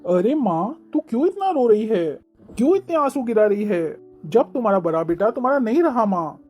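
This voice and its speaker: A woman's voice: on the high side, sing-song, brisk, darkish tone, slightly rough, faint music behind. A woman voicing a blunt, dismissive younger son in a cartoon family drama. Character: blunt younger son siding with his mother.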